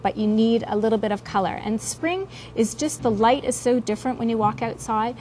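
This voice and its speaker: A woman presenting as a home shopping product expert, conversational and advisory in loose run-on phrases, with clear noise behind. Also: a little high, a little fast, a little mellow. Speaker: guest makeup expert presenting her own product line on home shopping.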